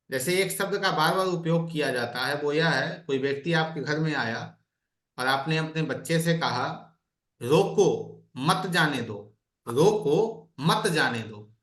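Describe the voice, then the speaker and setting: A man's voice: a little high, pushed and bright, reverberant. A man teaching an online astrology class, explaining by asking his students questions.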